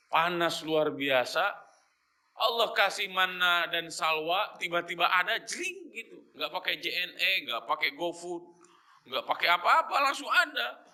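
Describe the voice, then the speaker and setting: A man with a fairly high, bright voice gives a Quran study lecture. He breaks down each Arabic phrase and explains it in a lively, teasing way. He slips easily into casual slang along the way. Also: measured pace, pauses often. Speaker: Quran teacher.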